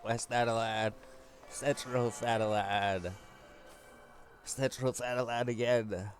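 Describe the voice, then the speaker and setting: This male host of a gaming video takes his time, speaking in a steady, medium-pitched voice as he thinks aloud through a casual walkthrough, game music in the background.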